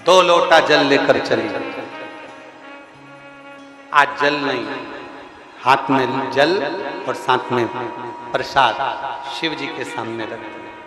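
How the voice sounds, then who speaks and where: Animated male preacher in an echoey hall. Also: medium pitch, takes it slowly, long pauses. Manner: animated, acts out quoted villagers, laughs often. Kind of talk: devotional sermon with storytelling. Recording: echoey hall with long reverb and music. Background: music.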